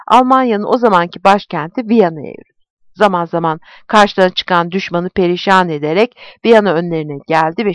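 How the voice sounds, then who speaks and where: Bir kadın, tarihi bir hikâyeyi heyecanlı ve dramatik bir anlatımla okuyor. Sesi orta perdede; kayıt yankısız, kuru ve biraz boğuk. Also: female voice, mid-range voice, dry recording, lo-fi sound. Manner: expressive, dramatic reading. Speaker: storyteller. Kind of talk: dramatic storytelling narration.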